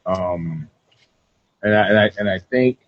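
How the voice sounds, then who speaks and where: A man's voice: deep voice, measured pace, dry recording, highs cut off. A man talking casually as an interview guest, rambling and often checking in with the listener. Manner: rambling, repeats "you know what I'm saying". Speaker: cigar brand owner being interviewed.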